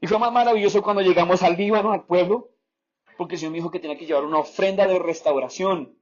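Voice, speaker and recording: A man's voice: high-pitched, fast. A man from Colombia with a Bogotá accent, a pastor telling a story in a sermon and acting out the voices of people in it. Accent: Bogotá Colombian Spanish. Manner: animated storytelling, acts out quoted voices. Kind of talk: sermon testimony. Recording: slightly dull lo-fi sound.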